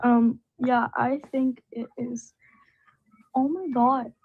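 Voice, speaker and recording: A woman's voice: a little high, fairly even intonation, slow pace, husky. A woman calling into an online debate, flustered and apologetic, distracted by a friend beside her. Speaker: debate caller. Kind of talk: casual online chat. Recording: dull lo-fi mic.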